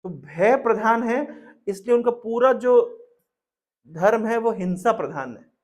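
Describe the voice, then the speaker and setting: This is a male preacher giving a devotional storytelling sermon. His voice is notably high, and he speaks emphatically, repeating key phrases and posing rhetorical questions to the listeners. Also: animated, slow pace.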